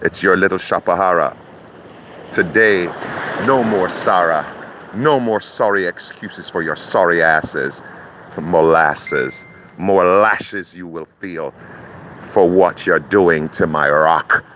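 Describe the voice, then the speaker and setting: A man speaks in a slow, deliberate, threatening way, pronouncing curses and slipping into chanted incantations. His voice sits a little low. A steady engine and water noise rumbles clearly underneath. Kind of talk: menacing spoken curse monologue.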